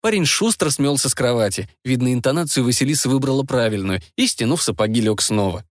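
A man narrating a comic fairy tale audiobook in an expressive, wry manner. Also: mid-range voice, fast, no echo, clean studio sound.

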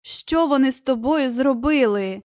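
An earnest, tender little girl who worries for her friends, as a woman reading a storybook voices her. The voice is fairly high and dry, recorded close with no room sound. She speaks with open feeling, pleading and heartfelt. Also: unhurried, a little mellow, no echo. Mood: emotional. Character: young girl, tender and anxious.

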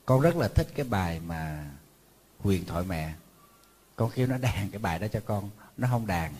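Husky monk telling stories. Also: male voice, low-pitched, normal speed. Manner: lively storytelling, acting out family quarrels, scolding asides. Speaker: Buddhist monk teacher. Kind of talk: conversational sermon to an audience.

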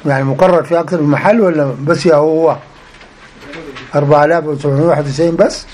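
A man with a Sudanese Arabic accent teaching a hadith lesson, asking quick, conversational questions and giving short remarks. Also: a little high, steady tone, darkish tone, slight background noise.

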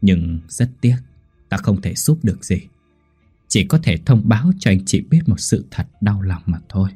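A man voicing a sorrowful old male fortune-teller in a horror audio story, speaking calmly and slowly. The voice is low, dark and husky. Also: faint music behind. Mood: solemn. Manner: calm, measured.

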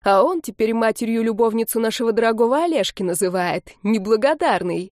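A woman acting out a drunk old grandmother, half-mad with grief, who screams venomous curses in an audiobook scene. The voice is dark and mellow and sits close to the mic in a dry, dead room. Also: fairly high pitch, brisk, no echo, natural voice. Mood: screaming hatred. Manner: shrieking curses, hateful.

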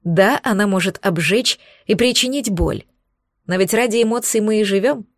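A woman narrating an audiobook in the first person, an even, expressive reading. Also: mid-range voice, normal speed.

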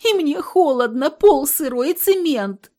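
Picture a woman playing a fiery young captive woman, high and piercing, begging and swearing by turns. The voice climbs far above a plain speaking register and stays loud and strained. It is an audiobook figure, read aloud. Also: lively intonation, a little slow. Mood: desperate shrill. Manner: shrill, pleading and cursing. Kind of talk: audiobook reading.

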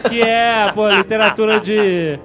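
A man's voice: sits high, steady tone, measured pace, music in the background. A Brazilian man hosting a podcast with casual, slangy, teasing banter. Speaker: podcast host.

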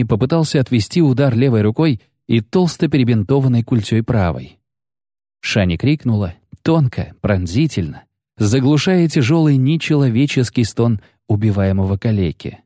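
A man narrating an audiobook in a steady, even storytelling voice. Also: fairly low pitch, dry recording. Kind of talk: scripted narration. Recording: dry studio sound.

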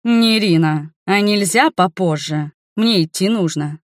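Woman doing a stern male rector, slow measured speech, lowered voice, dry storybook reading. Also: no echo, natural voice. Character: stern flustered middle-aged man, head of a magic academy.

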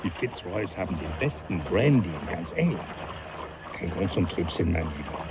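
Jovial, swooping Professor Henslow. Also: male voice, deep voice, moderate pace. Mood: jovial, explaining. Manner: chuckling, animated, patronising. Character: jovial, teasing older professor, brandy-loving and avuncular. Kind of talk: German radio drama acting. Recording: dull radio drama, loud background noise.

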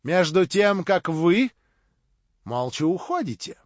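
A man reading an audiobook, voicing a sharp-tongued hostess who calls out demands. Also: high voice, sing-song, takes it slowly, dry recording, highs cut off, pitched above the performer's own voice, full character voice. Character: sharp bossy hostess, middle-aged woman.

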